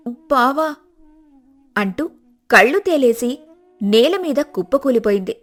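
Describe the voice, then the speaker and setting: A woman narrates an animated family story in a dramatic, scripted way. Her voice is high. Light music plays in the background.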